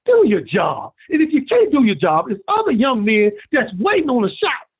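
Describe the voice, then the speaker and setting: A man's voice: very high voice, normal speed, husky. A man calling in from Birmingham, ranting in a preachy, repetitive way and telling stories. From Birmingham, Alabama. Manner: preachy, repetitive, animated storytelling. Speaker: caller. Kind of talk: call-in rant. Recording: tinny phone line.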